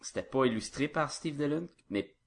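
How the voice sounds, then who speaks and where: A man's voice: medium pitch, lively intonation, normal speed, gravelly. A man with a Quebec French accent explaining things at length as a podcast co-host. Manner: rambling, explanatory. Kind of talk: casual chat.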